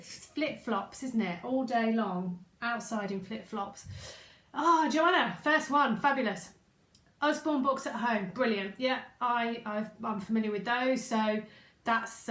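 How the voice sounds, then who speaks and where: A woman's voice: a little high, roomy sound. A woman business coach hosting a live stream, chatting loosely with viewers and reading out their comments. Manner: chatty, rambling, reads out viewer comments warmly.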